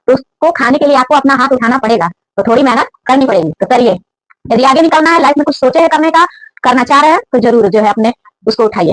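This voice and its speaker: Female teacher, high voice, dry close sound, asks and answers her own questions, chants the rules slowly. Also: no echo, low-quality recording. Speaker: Sanskrit grammar teacher. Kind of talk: classroom-style grammar lesson.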